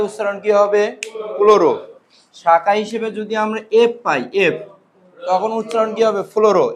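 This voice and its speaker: High-voiced male chemistry teacher. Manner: drills students with repeated questions and answers. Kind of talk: classroom lecture with call-and-response questions. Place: classroom.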